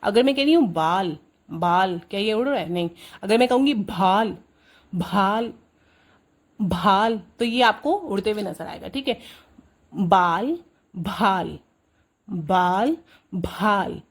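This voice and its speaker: A woman teaching parents a writing activity for children. She keeps asking a quick "okay?" and says sample words slowly and firmly, repeating them. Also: medium pitch, lively intonation. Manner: checks in often with a rising question. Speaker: homeschooling mom teaching Urdu writing. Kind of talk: instructional tutorial addressing parents.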